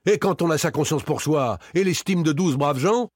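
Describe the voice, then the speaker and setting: A man putting on a panicked servant, shrill, stammering, whiny, husky, storybook reading. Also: animated, a little fast, darkish tone, no echo, clean studio sound. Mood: protesting. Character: frightened shifty male servant accused of murder.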